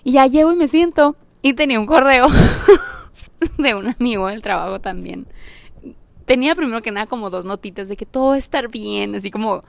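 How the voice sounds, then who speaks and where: Expressive Mexican woman podcaster. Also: fairly high pitch, moderate pace, creaky, no echo. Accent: Mexican Spanish. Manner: expressive, slangy, mixes English phrases. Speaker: podcast host. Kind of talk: casual storytelling monologue.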